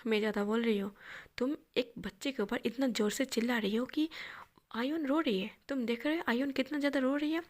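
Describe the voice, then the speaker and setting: Quarrelsome young man in a read-aloud story, fires back fast in a half whisper, voiced by a female reader, fairly high. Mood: bickering. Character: sharp-tongued young man, bickering and stubborn.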